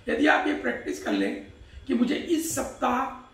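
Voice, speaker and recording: A man's voice: very high voice, huge pitch swings, normal speed, vocal fry. A man giving a Hindi religious discourse, reciting Sanskrit verses and explaining them, asking questions and answering them himself. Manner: explanatory, asks and answers his own questions. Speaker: Vedic discourse speaker. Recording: echoey room, distant mic.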